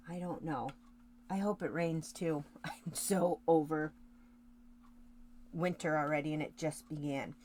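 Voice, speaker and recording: A woman's voice: lowish voice, slight background noise. A woman hosting a card-making tutorial, chatting casually with live viewers while she works, with rambling asides and self-corrections. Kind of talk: casual craft demonstration.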